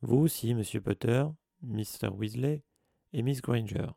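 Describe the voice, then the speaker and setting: A man voicing an old male headmaster wizard in an audiobook, calm and authoritative. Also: mid-range voice, a little slow, vocal fry, no room sound, studio quality. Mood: commanding. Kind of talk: audiobook character voice.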